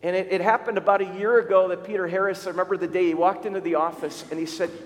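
A man's voice: high-pitched, fairly even intonation, fast talker. A male pastor giving a conversational sermon with church updates, often restarting and repeating words. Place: church sanctuary. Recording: long church reverb.

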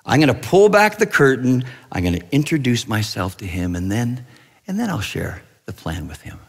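A preacher acting out Jesus as a calm, gentle young man, speaking low and quietly. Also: normal speed, creaky, slightly rough, long reverb tail, heavily acted.

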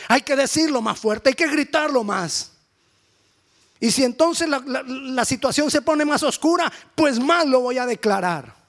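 A man's voice: extremely high pitch, lively intonation, measured pace, a bit bright. A man preaching a sermon with fervent, repetitive rhetorical questions.

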